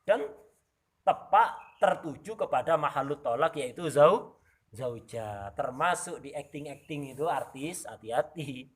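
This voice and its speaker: A man's voice: fairly high pitch, animated, measured pace. A man teaching an Islamic law lesson. He reads Arabic text aloud, explains it in casual speech with asides, and often checks that his students follow. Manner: explains and asks the class "Paham ya?". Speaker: religious teacher. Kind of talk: kitab study lesson.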